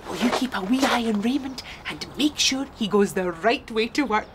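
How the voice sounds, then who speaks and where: A woman with a Scottish accent playing a warm-hearted older childminder who fondly coaxes the children in a children's TV show. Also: on the high side, expressive, moderate pace, very noisy, close to an everyday voice. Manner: fond and coaxing, calls the child darling. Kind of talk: children's TV acting.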